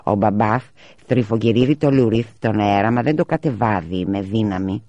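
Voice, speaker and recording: A man's voice: lowish voice, darkish tone, dry recording, dull audio, natural voice. A man voicing a carefree young schoolboy twin who speaks with a lisp.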